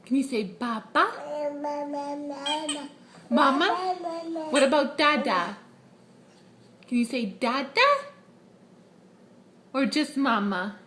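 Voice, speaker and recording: A woman's voice: high voice, slow, long pauses, pushed and bright, slight background noise. A mother talking baby talk to her toddler, playful and sing-song with exaggerated gasps, at home.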